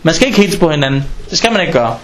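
A man giving an informal sermon in an animated way, acting out everyday exchanges as he preaches. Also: a little high, echoey room, a little hiss or hum. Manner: animated, acts out dialogues in quoted voices.

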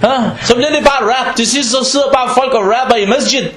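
Male preacher, very high voice, informal lecture, echoing room sound. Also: a crowd in the background. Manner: animated, mixes in Arabic phrases and recitation.

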